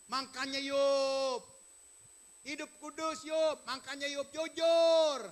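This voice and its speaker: A man voicing a self-righteous male friend of Job, loudly hectoring with repeated rhetorical questions in a sermon. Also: extremely high pitch, little pitch movement, slow pace. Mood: scolding.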